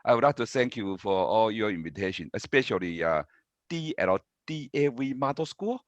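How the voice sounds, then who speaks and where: A man with a Taiwanese accent giving panel remarks as a professor, speaking haltingly and repeating words. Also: on the low side, lively intonation, dry recording. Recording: dull, dry video-call audio.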